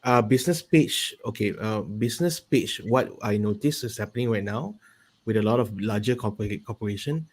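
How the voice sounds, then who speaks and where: A man's voice: on the low side, fairly quick, darkish tone. Malaysian-accented man explaining casually. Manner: checks in often with "right?" and "you see". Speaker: panel guest, business coach.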